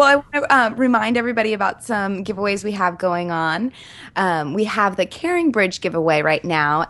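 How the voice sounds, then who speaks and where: Casual podcast host, young woman with a slightly low voice and a relaxed, chatty read. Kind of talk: casual chat and announcements.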